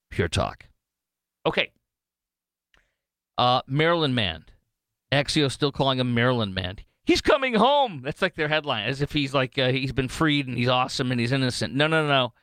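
A clean, resonant, slightly bright mid-range voice belongs to an American talk radio host delivering an unscripted monologue with live ad reads. He is opinionated and joking, stresses his points hard, and keeps going off on tangents, all in a dry studio sound.

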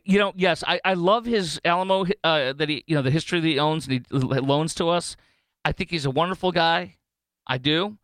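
Brisk and a little high-pitched, with a slightly bright tone and no echo, a man with an American accent runs an unscripted talk radio monologue with live ad reads. He is opinionated, jokey and emphatic, regularly wandering off topic.

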